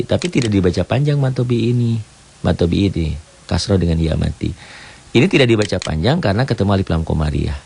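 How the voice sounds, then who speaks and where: Man, low and gravelly, patient step-by-step recitation teacher, faint hiss behind. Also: darkish tone. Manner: explains each rule step by step, chanting verses slowly. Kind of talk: radio tajwid lesson.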